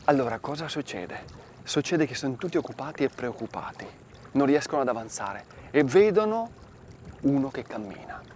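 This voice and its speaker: Animated priest explaining the gospel. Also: male voice, medium pitch, normal speed, a little hiss or hum. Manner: animated, asks and answers his own rhetorical questions. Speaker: parish priest. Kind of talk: gospel commentary for television. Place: outdoors by a lake.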